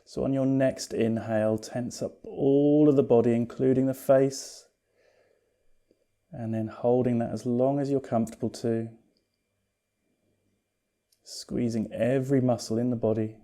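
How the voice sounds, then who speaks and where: A medium-pitched male voice guides a yoga meditation, the teacher keeping things calm and unhurried. He sounds soothing and offers gentle reassurance.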